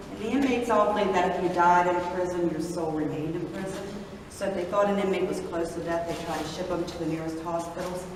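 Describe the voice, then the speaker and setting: A middle-aged Appalachian woman with a lowish voice guides a group through an old prison's large empty rooms at night, telling stories and projecting loudly. The recording is distant, noisy, and echoey.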